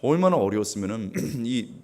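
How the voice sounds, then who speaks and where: A middle-aged man preaching a revival sermon as guest pastor, with dramatic swings and sudden raised exclamations, clearing his throat now and then. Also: on the low side, big pitch swings, normal speed, dark tone.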